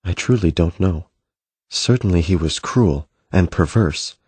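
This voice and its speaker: A man voicing a gentle, thoughtful young prince in an audiobook, soft-spoken and reflective. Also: sits low, husky, no room sound. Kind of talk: audiobook character voice.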